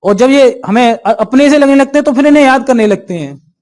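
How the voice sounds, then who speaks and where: A man's voice: very high voice, brisk, darkish tone. A male teacher lecturing an exam-prep class, asking questions and answering them himself.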